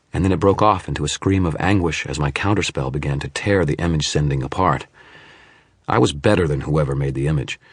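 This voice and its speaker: Very deep, husky male narrator. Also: no echo, studio quality. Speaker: audiobook narrator. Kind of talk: first-person audiobook narration.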